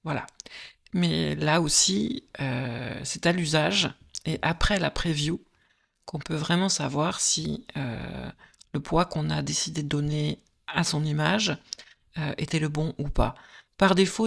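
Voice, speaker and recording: A woman narrating a screen-recorded software tutorial, explaining step by step with frequent hesitant filler pauses. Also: low-pitched, vocal fry, breathy edge.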